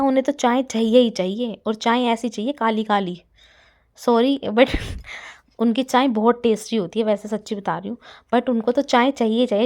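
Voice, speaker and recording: A young woman narrates her everyday home vlog in a chatty, friendly voice-over. Her voice is mellow and dark, at an ordinary pitch. She talks to viewers as if they were friends and slips English words into her sentences. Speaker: vlogger.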